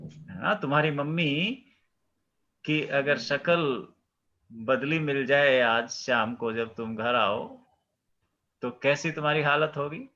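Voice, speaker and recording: A male teacher slowly explaining a play to his class, questioning students and acting out the lines. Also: mid-range voice, bright, forceful tone, muffled recording.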